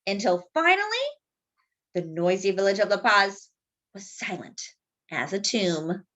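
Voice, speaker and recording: The audio is dull, but the storyteller's animated style comes through as she reads a picture book aloud. This woman has a mid-range voice, and she lingers on key words and chats with the young listeners.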